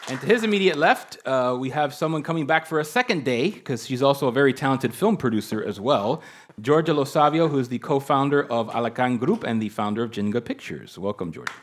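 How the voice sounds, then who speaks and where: Mid-pitched man hosting a conference panel, upbeat and playful in his intros. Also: expressive, a little fast. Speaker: panel moderator. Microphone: shared handheld mic.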